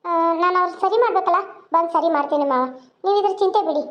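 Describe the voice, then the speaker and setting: A woman voicing a young orphaned wife in a cartoon, gentle and imploring. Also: very high-pitched, quick pace, lo-fi sound. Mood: meek. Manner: tearful, imploring.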